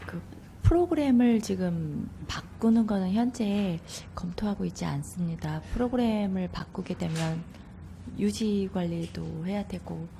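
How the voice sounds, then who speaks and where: A woman's voice: mid-range voice, unhurried, vocal fry, warm tone, a little hiss or hum. A woman official giving careful, deferential formal answers at a council meeting. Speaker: government official answering questions.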